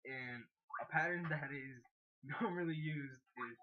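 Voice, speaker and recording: Slow, laid-back man teaching beatboxing. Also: a little high, phone-quality sound, heavy background noise. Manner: relaxed, explains with fillers and small jokes. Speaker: beatbox tutor. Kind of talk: casual how-to demonstration.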